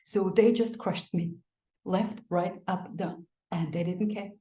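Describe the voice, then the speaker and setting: A woman giving animated migration advice, telling stories and acting out the people she quotes. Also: on the low side, takes it slowly. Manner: expressive storyteller, acts out quotes, laughs. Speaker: migration advisor. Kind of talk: animated advice talk with anecdotes. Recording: echoey room.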